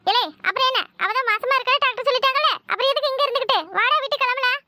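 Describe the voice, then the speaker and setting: A woman voicing a fussy, superstitious old mother-in-law in a Tamil village cartoon. She has a Tirunelveli accent and a scolding, fretful way of talking, in a high, quick voice that sounds dry and close. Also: sharp tone, dry recording, exaggerated voice. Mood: fussing. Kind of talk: cartoon voice acting.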